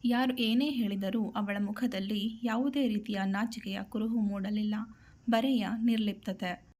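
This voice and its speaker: A woman storyteller reading a scripted story narration in a calm, even way. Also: medium pitch, unhurried.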